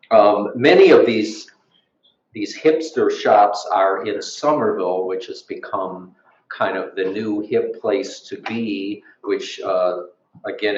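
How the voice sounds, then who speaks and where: A man's voice: fairly low pitch, a little mellow. A middle-aged man hosting a live event, introducing the next reader with rambling, dry asides. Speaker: event host. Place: art gallery at a live event. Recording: roomy, dull live recording.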